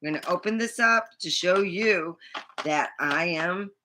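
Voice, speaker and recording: A woman's voice: on the low side, a little slow, background noise. A middle-aged American woman chatting casually to the camera in a rambling, blunt way with plenty of swearing. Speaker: vlogger.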